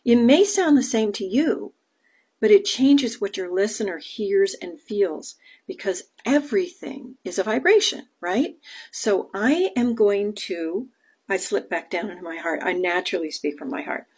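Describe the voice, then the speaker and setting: A woman in a close phone-camera video gently teaches her audience to move their speaking energy around the body. Her voice is airy and a little husky, sitting at an ordinary middle pitch. She talks in a calm, guiding way while demonstrating each shift. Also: measured pace. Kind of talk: explanatory social media video reply.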